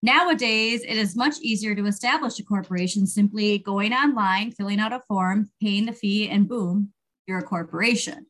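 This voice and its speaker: A woman's voice: mid-range voice, moderate pace, a bit bright. A woman with a standard American accent co-hosting a podcast, chatting casually and reading out quoted material. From United States. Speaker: podcast co-host.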